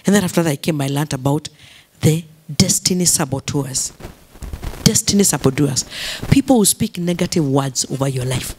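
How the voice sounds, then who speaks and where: A woman's voice: sits low, normal speed, darkish tone, slight background noise. A Kenyan woman pastor preaching a sermon, repeating key phrases, mixing English with Swahili and calling for responses from the congregation.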